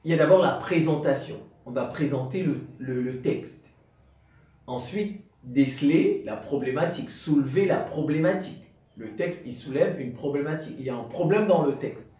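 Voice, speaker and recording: A man teaching a lesson in a halting, repetitive way, often restarting sentences and speaking directly to his students. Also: a little high, warm tone. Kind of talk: classroom-style explanation. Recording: very echoey room, mic far off.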